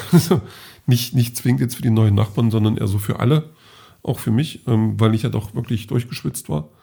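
A man's voice: mid-range voice, brisk, creaky, warm tone. A man casually telling about his day in a rambling vlog monologue, correcting himself often. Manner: rambling, self-correcting, many fillers. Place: at home.

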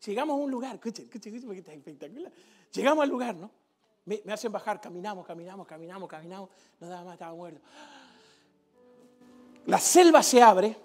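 A man's voice: high-pitched, darkish tone. A middle-aged man, a pastor with an Argentine accent, preaching a storytelling sermon to a church congregation, telling funny anecdotes that rise into fervent exhortation. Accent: Argentine Spanish. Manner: humorous, acts out dialogue, builds to fervent exhortation.

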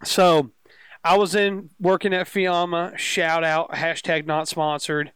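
A young man talks sports with friends in a loose, joking, rambling way. His voice sits a bit high for a man and sounds smooth and clean. The room is dry and close, with no echo. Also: flat delivery, slow pace, a bit bright. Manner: laid-back, jokey, rambling storyteller. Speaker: podcast co-host. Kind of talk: casual sports chat.

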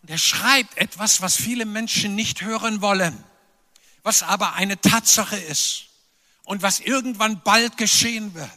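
A man preaching a sermon, animated and emphatic, with playful asides to the congregation. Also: high voice, measured pace. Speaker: pastor. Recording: long reverb of a large hall.

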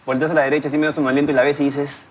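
A man's voice: on the high side, flat delivery, racing, very noisy. A man hosting a casual chat, teasing and joking with his guest as he asks questions. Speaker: host.

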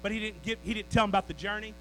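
Male preacher, high voice, very animated delivery; faint hum underneath. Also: racing, poor audio. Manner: animated preaching that swings from loud declarations to low asides with the congregation. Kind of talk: sermon.

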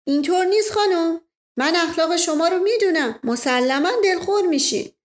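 A woman's voice: very high voice, pitched above the performer's own voice. A woman voicing a sly, coaxing nobleman who talks people into things. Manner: coaxing, playful, persuasive.

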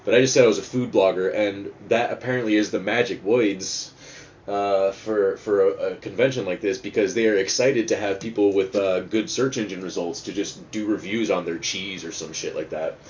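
A man with a lowish, darkish voice speaks at a moderate pace in a steady tone, hosting a casual, rambling solo podcast where he digresses, swears and mocks himself. He isn't a native Dutch speaker but speaks English fluently. The recording sounds dull and lo-fi, with faint noise.

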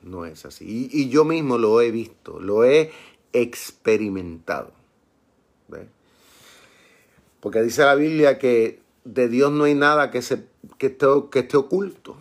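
A man's voice: mid-range voice, expressive, unhurried. A man giving a conversational Bible study sermon. He often checks in with his listeners, chuckles as he teaches, and reads scripture aloud with raised emphasis. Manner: chatty, asks listeners with tag questions.

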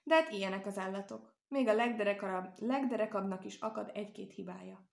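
A woman voicing a kindly old man who tells stories, quiet and soft-spoken. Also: mid-range voice, vocal fry, lightly acted. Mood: calm. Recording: roomy echo.

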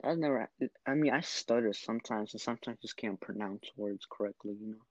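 A young man co-hosting a casual podcast, speaking in a tired, halting way as he tells stories. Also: fairly low pitch, no room sound, dull audio. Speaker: podcast co-host. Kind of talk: casual chat.

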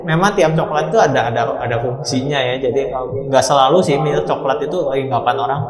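A man's voice: mid-range voice, quick pace. A man giving informal, explanatory answers as a doctor, often ending phrases with small tags. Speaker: doctor answering audience questions. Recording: echoey online call with background chatter.

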